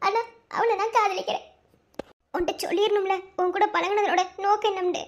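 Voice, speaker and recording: A very high-voiced proud young woman collector, lovesick. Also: fairly even intonation, a little hiss or hum. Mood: wistful. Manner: bossy with family, soft and halting when confessing. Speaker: district collector in love. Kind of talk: television drama acting.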